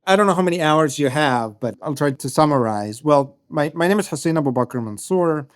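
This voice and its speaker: A guest writer in his thirties from Egypt gives long, reflective interview answers in a somewhat high, expressive voice at a fairly quick pace. He's thoughtful, frequently restarting and using fillers.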